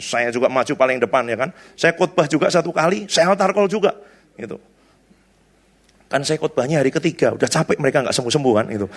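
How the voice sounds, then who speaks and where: A man's voice: on the high side, lively intonation, fast. A male pastor giving a conversational sermon, telling stories in a chatty way with frequent tag questions.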